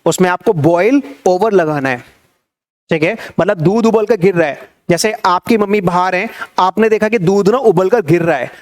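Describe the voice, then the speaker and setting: A young man teaches kitchen vocabulary in a lively way, repeating each word and quizzing his listeners as he goes. His voice sits high for a man. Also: normal speed. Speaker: spoken English teacher. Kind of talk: Hindi-language vocabulary lesson.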